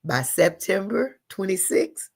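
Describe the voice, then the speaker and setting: A woman's voice: mid-range voice, measured pace, vocal fry, husky. A middle-aged woman, a pastor's wife and interview guest, telling a personal story earnestly and with feeling. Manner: earnest, animated, leans on endearments like "honey" and "girl".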